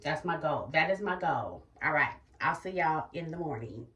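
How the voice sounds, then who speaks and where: Middle-aged woman doing a get ready with me vlog, chatty, says y'all a lot, groggy morning voice, lowish pitch. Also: expressive, normal speed, a bit bright, slightly rough. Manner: chatty, addresses viewers as y'all. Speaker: vlogger.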